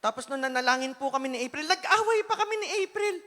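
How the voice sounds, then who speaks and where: A man giving an earnest, emotional sermon testimony, swinging between loud pleading and hushed asides. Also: very high-pitched, lively intonation, fast talker. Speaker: church speaker giving testimony. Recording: reverberant church hall.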